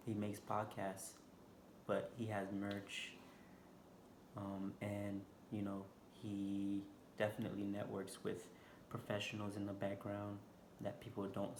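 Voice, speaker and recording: A man with a Haitian accent and a lowish voice vlogs off the cuff while seated on a stool indoors. He speaks slowly and haltingly, leaning on many fillers. The room is echoey, with background noise in the recording.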